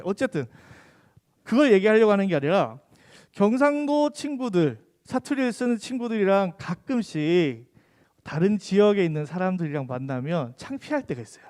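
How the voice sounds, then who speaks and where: Lively high-voiced preacher with mixed dialect. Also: male voice. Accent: mixed Gyeongsang and Seoul Korean. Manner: chatty, jokes with and questions the teen audience. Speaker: youth group preacher. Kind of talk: sermon with humorous storytelling.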